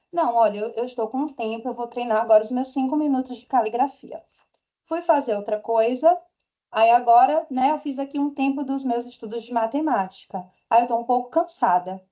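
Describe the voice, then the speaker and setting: A woman with a Brazilian Portuguese accent gives a conference talk on home study. Her voice sits a little high and sounds mellow and warm, never sharp. She explains in a calm, conversational way and often checks in with her listeners. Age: adult parent. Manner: conversational, gentle explaining with frequent tag questions. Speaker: homeschool teacher.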